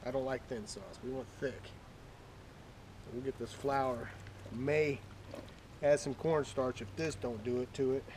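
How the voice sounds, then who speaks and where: Casting: male cooking show host, medium pitch, plainspoken and casual demo style, recorded with noticeable noise behind him. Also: steady tone, slow pace, pauses often, darkish tone. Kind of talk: casual cooking demonstration, talking through each step. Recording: clearly noisy background with clicks.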